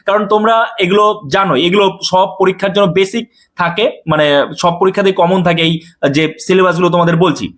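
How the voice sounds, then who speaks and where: A man's voice: high voice, level tone, a bit bright. A man explains a job notice to viewers as a coaching teacher, checking in often to make sure they follow. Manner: quick, addressing viewers directly with frequent check-ins.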